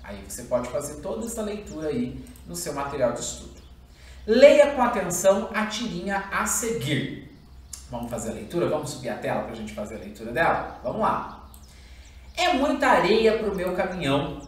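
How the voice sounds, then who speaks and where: Brazilian lady teacher, lively up and down voice, drawn out explaining, echoey room. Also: deep voice, brisk. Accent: Brazilian Portuguese. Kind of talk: recorded online lesson for schoolchildren. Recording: roomy echo, far from the mic.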